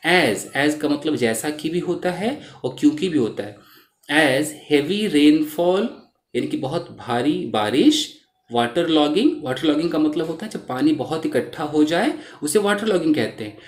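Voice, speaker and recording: A man teaching English in Hindi, reading lines from a news article slowly and then explaining the meaning of each word. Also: on the high side, expressive. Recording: roomy echo.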